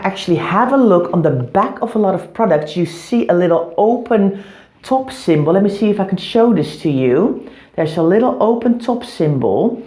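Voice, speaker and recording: A woman's voice: fairly low pitch, mellow. A woman hosting an instructional home organising vlog, giving tips to camera in an echoing bathroom. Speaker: home organising video host. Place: echoey bathroom, indoors. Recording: echoey bathroom room sound.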